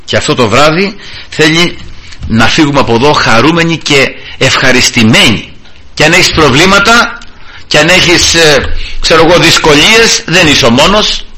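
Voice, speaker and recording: A man's voice: on the high side, slightly rough. A middle-aged man preaching a sermon to a church congregation, telling personal stories and often calling out to the brothers. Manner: animated, addresses congregation as brothers, tells personal anecdotes. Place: church service.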